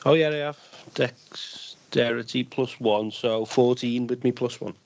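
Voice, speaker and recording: A man's voice: medium pitch, steady tone, a little slow, creaky, a little mellow, highs cut off. Playful stammering man at a game table. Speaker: player. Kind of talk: casual tabletop game chat.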